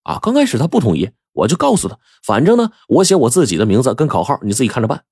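A man voicing a carefree young male student who talks in a casual, unhurried way. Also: mid-range voice, huge pitch swings, darkish tone, slightly rough, no echo, studio quality. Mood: nonchalant.

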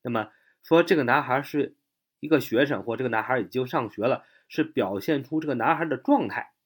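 A man teaching English phrases to Chinese-speaking learners, spelling words out letter by letter and repeating example sentences slowly, with frequent drawn-out "ah" fillers. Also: medium pitch, breathy edge. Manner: fills pauses with a drawn-out "ah". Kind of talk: online language lesson.

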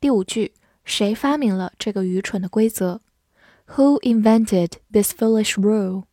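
A woman's voice: medium pitch, measured pace, mellow, no room sound, studio quality. A woman hosting an English lesson, with scripted narration in an upbeat, inviting presenter tone. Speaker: lesson host.

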